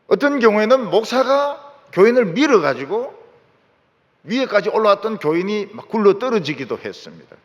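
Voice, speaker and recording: A middle-aged male pastor delivers a sermon from the pulpit. His fairly high voice swings widely up and down, and he drives his points home by repeating them. His words carry a long reverb from a large sanctuary. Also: normal speed. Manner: emphatic, repeating key phrases, lively rising and falling delivery.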